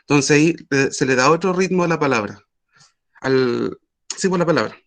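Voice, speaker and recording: Male teacher, slightly high voice, patient and halting explanation style. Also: lively intonation, fairly bright tone. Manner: patient, explains with many pauses and fillers. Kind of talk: online class lecture.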